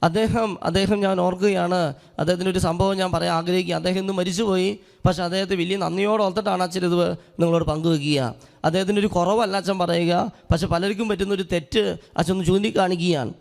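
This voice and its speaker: ഒരു പുരോഹിതൻ ഹാളിന്റെ മുഴക്കത്തിൽ, ഒരു അനുഭവകഥ പറഞ്ഞുകൊണ്ടുള്ള പ്രസംഗം. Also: male voice, sits high, steady tone, fast talker, vocal fry. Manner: earnest storytelling, acts out quoted speech. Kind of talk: sermon with a personal story. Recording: long hall reverb.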